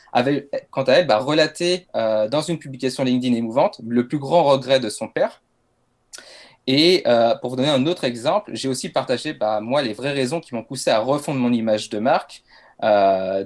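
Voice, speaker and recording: A French man presenting a masterclass on writing social media posts, casual and hesitant with frequent fillers. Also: medium pitch. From France. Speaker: LinkedIn content coach.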